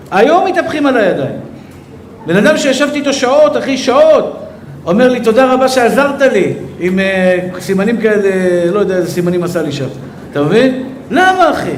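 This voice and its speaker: High-voiced rabbi preaching in echoey hall. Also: male voice, a little hiss or hum. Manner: warm, emotional, addresses listeners as brother. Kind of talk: sermon to a live audience. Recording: echoey hall, faint ambience.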